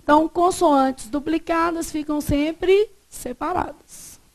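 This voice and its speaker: High-voiced Brazilian woman teaching grammar. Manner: quizzes the class with questions, then answers them herself; dictates rules slowly, repeating each one. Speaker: Portuguese teacher. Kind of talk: classroom grammar lesson.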